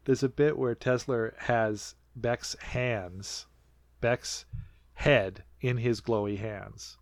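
A man's voice: medium pitch, steady tone, takes it slowly, no echo. A man from North America talking casually as a podcast co-host, rambling with lots of fillers and restarts. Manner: rambling, many fillers and restarts, laughs often. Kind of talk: casual chat.

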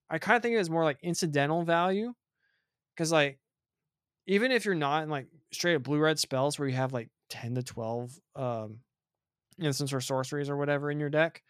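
A man's voice: fairly high pitch, a bit bright, dry recording, studio quality. A man co-hosting a podcast, talking casually and rambling with lots of fillers, a little winded. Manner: rambling, many fillers, self-interrupting. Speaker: podcast co-host reviewing cards.

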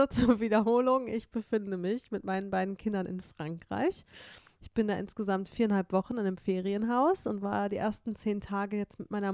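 Woman co-host, thirties, casual storytelling podcast; smooth, dry. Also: mid-range voice, darkish tone, no room sound. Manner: chatty storytelling with frequent laughs and fillers. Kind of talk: casual chat.

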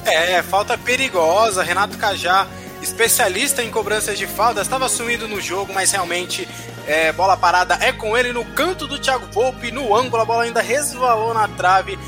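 A man's voice: sits high, moderate pace, over music. A Brazilian man giving live football analysis, recapping plays conversationally and repeating phrases as he goes.

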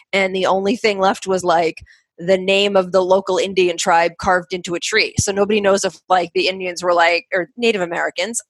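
A woman's voice: fairly low pitch, fairly bright tone, no room sound. A woman co-hosting a podcast, chatting casually and rambling a bit, with many "like"s. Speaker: podcast co-host. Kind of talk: casual chat.

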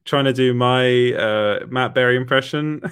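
A man hosts a casual live stream, reading chat comments aloud with lots of fillers and laughter. His medium-pitched voice is unhurried and a bit bright, with a little hiss or hum in the recording.

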